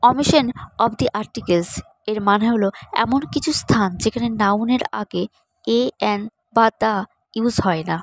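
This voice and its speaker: A woman with a Bengali accent teaches a grammar class at a very slow, careful pace. Her voice sits fairly high, and the recording is close and dry, with no room sound. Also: no room sound, rough recording. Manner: reads English examples slowly and deliberately, explains them more quickly in Bengali. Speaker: English teacher. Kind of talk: slow, measured grammar lesson.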